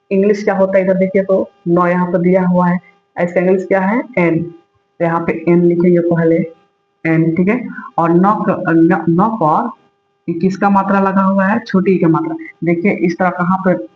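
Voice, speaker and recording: A man teaching a lesson step by step, asking questions and answering them himself. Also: high voice. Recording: echoey room, dull lo-fi sound, faint music.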